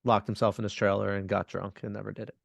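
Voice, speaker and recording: Gravelly-voiced man chatting casually. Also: on the low side, a little fast, dry recording. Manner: relaxed, rambling, laughs often. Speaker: podcast co-host. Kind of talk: casual chat.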